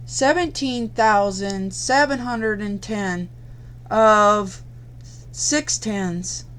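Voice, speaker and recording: A woman's voice: medium pitch, drawn-out words, a bit bright, slight background noise. A tired woman hosting a crafting channel, talking casually to her viewers late at night. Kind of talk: casual tutorial talk to viewers.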